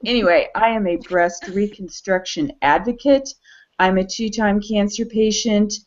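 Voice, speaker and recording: A woman's voice: medium pitch, unhurried. A woman with an American accent introducing herself casually as an advocate. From United States, Arizona. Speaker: patient advocate and blogger. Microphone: video call. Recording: dull lo-fi video call audio.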